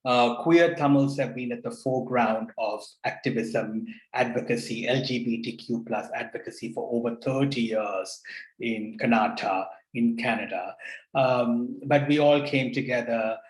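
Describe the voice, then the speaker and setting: A man's voice: mid-range voice, a little slow. Man, from Sri Lanka, earnest panel speaker, many fillers, echoey room. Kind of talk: online panel talk. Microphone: video call.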